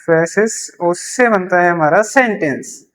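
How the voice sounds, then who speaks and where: Speaking at a moderate pace in a mid-range voice, a teacher explains a beginner English lesson in Hindi. They repeat key terms, answer their own questions, and write examples on a board.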